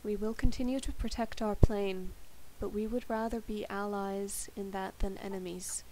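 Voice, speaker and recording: Formal woman envoy acted by a player, measured solemn oratory, tabletop role-play, faint hiss. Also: mid-range voice, fairly even intonation, natural voice. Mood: earnest, firm. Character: formal, earnest woman envoy Rosalind pleading for peace. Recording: noisy recording with hiss.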